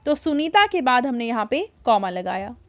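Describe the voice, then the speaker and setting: A woman teacher patiently explaining a worksheet to children, repeating words slowly and checking that they follow. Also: a little high, sing-song.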